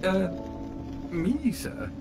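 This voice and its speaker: A man's voice: high voice, expressive, extremely slow, exaggerated voice. A man voicing a polite male butler robot in a video game, formal and deferential, who speaks to his master in the third person. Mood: prim. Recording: game music underneath.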